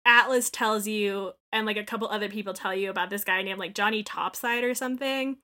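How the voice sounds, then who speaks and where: A woman chatting casually about a video game, animated, swearing freely and acting out bits of dialogue. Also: medium pitch, fairly quick.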